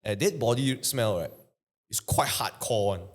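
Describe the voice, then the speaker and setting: A man's voice: medium pitch, lively intonation, moderate pace. A man with a Singaporean accent chatting casually and bluntly as a panelist in a group.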